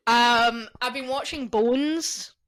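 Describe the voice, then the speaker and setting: A woman's voice: a little high, slow, a bit bright, no room sound. A young adult woman co-hosting a casual podcast chat. She tells stories and swears freely. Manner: chatty storyteller, swears freely. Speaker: podcast co-host.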